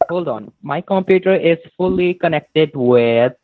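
A man's voice: fairly high pitch, lively intonation, a little slow. Taunting Indian man on a tinny phone line. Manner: cursing, taunting, repeats himself. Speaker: phone scammer. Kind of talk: heated phone argument.

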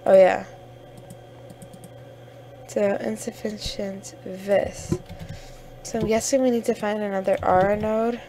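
A woman's voice: medium pitch, steady tone, slow, pauses often, noisy background. A young woman giving casual, chatty commentary over a game, sniffling now and then and easily flustered. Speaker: gamer.

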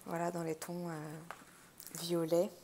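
Woman with gravelly vocal fry, chatting casually. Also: on the low side, little pitch movement, slow pace, dark tone. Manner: chatty, thinking aloud. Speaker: craft unboxing host. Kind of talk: casual unboxing chat. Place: indoors at a wooden table. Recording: handling clicks and crinkling noise. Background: crinkling plastic, clicks.

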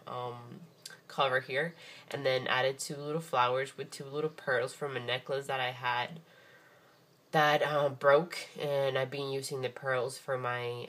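A woman with a hoarse morning voice, chatting casually as she shows off a craft project, rambling with lots of ums and restarts. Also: rumbling low, a bit bright. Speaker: craft vlogger. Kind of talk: casual craft show-and-tell.

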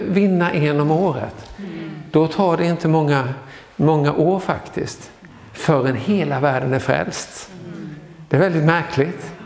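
A man in his sixties giving a lively charismatic sermon, exclaiming hallelujah and joking with the congregation. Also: a little high. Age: 60s. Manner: exclamatory, peppers talk with hallelujahs, joking asides. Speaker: guest preacher. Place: church sanctuary. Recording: echoey church hall with long reverb.

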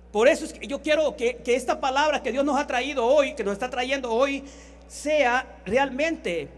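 A man with a Honduran accent preaches a sermon in a very high voice, with a faint hum underneath. He tells stories and repeats phrases for emphasis. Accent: Honduran Spanish. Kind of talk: sermon with anecdotes.

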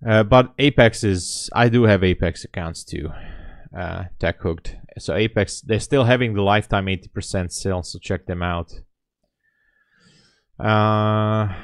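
Speaking in a low voice, a day-trading streamer in his late thirties rambles casually and thinks aloud while responding to chat from a small room. The audio is clean studio sound without any echo.

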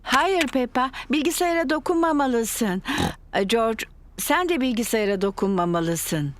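A woman voicing a caring, sensible mother pig in a children's cartoon, motherly and gently firm. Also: a little high, lively intonation, measured pace. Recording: music behind the voice.

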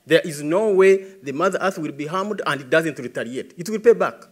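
Answering questions at a tribunal, a Ugandan English-accented man in his thirties speaks as an environmentalist witness, earnest and increasingly emphatic. His pitch is fairly high and he talks a little fast. He is at a podium microphone on a large, dark conference stage.

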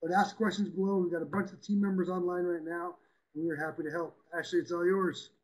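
Man, high-pitched, quick and upbeat, casual online presenter. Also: level tone, rough recording. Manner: fast, upbeat, chatty.

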